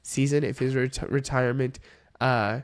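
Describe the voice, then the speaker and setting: A man's voice: medium pitch, steady tone, normal speed. A young man with a sick-sounding voice, hosting a casual opinion vlog, rambling and correcting himself as he goes. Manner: rambling, hedging, self-correcting. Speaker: wrestling video host.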